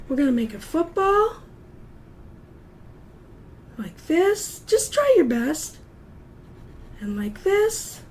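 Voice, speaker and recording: A woman's voice: sits high, very animated, slow, pauses often, a little mellow, a little hiss or hum, low-quality recording. A middle-aged woman giving a patient, encouraging step-by-step drawing lesson to children, counting aloud and sometimes dropping to a whisper. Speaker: art teacher.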